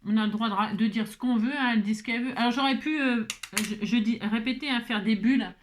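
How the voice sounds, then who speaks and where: A woman's voice: on the high side, fast, a little hiss or hum. A woman vlogging while making a card, chatting casually, muttering to herself as she works and laughing often at her own slips. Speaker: craft vlogger. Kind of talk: casual chat while crafting.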